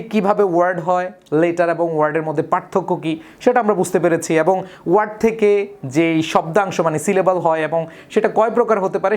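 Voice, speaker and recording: A woman's voice: on the low side, darkish tone. A woman from Bangladesh teaching an English lesson, asking the class questions and answering them herself, with English terms mixed into her explanation. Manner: asks the class questions and answers them herself, drawing out example words slowly; mixes English words into Bengali explanation. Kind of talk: recorded online lesson.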